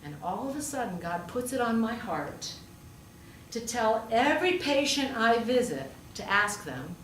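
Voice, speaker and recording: A slightly high, very animated woman's voice unfolds unhurriedly with a fairly bright tone. She is a pastor and hospital chaplain giving a conversational storytelling sermon, marked by rhetorical questions and emphatic repetition. Recorded from a distance in a roomy space, with faint noise.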